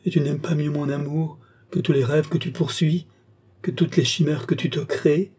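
A man's voice: mid-range voice, fairly even intonation, normal speed, dark tone, husky, lightly acted. A man reading the lines of a young woman desperately in love, in an impassioned, pleading delivery. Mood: indignant. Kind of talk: audiobook character reading.

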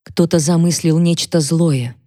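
A woman's voice: low voice, steady tone, warm tone, no room sound, clean studio sound. A woman voicing a composed housewife who speaks in a level, careful way. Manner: level, measured, restrained.

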